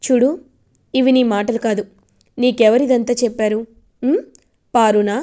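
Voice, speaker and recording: A woman's voice: on the high side, fairly even intonation, unhurried, warm tone, close to an everyday voice. A woman voicing an angry young father who scolds his family for upsetting his daughter, in a stern retelling of a TV serial.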